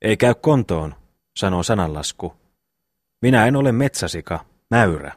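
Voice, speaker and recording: A man's voice: fairly low pitch, lively intonation, no echo, studio quality. Timo, a man reading a simple good-natured brother. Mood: protesting.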